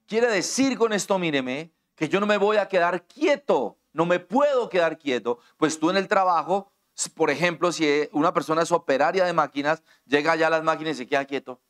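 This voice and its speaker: Man, Colombian accent, middle-aged, sermon, direct conversational preaching, somewhat high voice. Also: animated, a little fast, few pauses, fairly bright tone. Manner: direct, conversational preaching that addresses listeners personally; explains with everyday examples and acts out quoted dialogue. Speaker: pastor.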